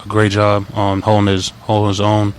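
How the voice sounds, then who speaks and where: A young man in his twenties, a college football player answering media questions in a halting, soft-spoken way with many fillers. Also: lowish voice, monotone, slight background noise. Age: 20s. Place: press availability.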